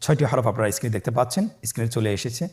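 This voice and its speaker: A man teaching Arabic letters for Quran reading step by step, calm and patient, with a Bangladeshi accent, drawing out each letter sound for listeners to repeat. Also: medium pitch, very fast. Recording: voice over background music.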